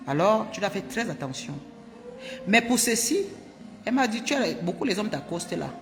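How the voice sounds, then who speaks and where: A woman from Cameroon, telling her viewers a personal story in an animated, emphatic way and repeating herself often. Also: mid-range voice, moderate pace, big-room sound. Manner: animated and emphatic, with frequent repetitions. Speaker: vlogger.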